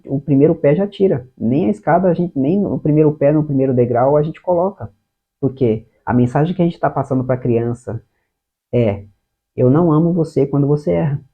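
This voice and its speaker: A Brazilian man talks to camera as a therapist giving parenting advice. His voice is husky and sits at an ordinary middle pitch. The sound is narrow and phone-like. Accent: Brazilian Portuguese. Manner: earnest, explanatory, addresses the viewer directly. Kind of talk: self-help talk to camera.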